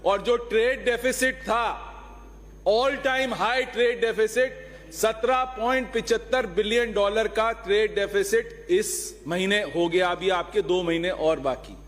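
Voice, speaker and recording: A man's voice: high voice, slow pace, fairly bright tone. A male legislator giving an argumentative floor speech in an assembly hall, posing rhetorical questions and mixing in English phrases. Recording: long reverb of a large hall.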